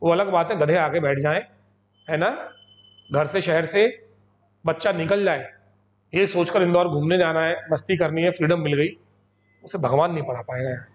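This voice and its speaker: A man's voice: a little high, moderate pace, long pauses, highs cut off. A man teaching English grammar in a coaching lecture, chatty and scolding as he acts out his students.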